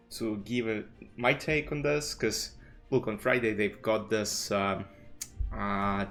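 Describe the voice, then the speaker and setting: This man's voice is on the low side and a bit bright. He's a chess streamer, Russian by first language, rambling in a casual commentary vlog with plenty of "you know" and restarts, recorded at his home desk on a streaming mic with webcam.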